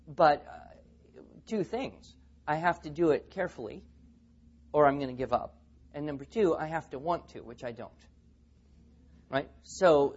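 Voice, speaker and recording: Husky guy giving a seminar talk to teachers, acts out the stories, muffled lo-fi recording. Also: fairly high pitch, a little mellow. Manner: storytelling, acts out quotes.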